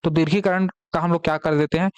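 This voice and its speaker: A man's voice: fairly high pitch, fairly even intonation, fast talker, smooth, no echo. A man teaching a live online exam-prep class from a classroom, with a Chhattisgarh Hindi accent, explaining patiently, repeating key words and asking students questions.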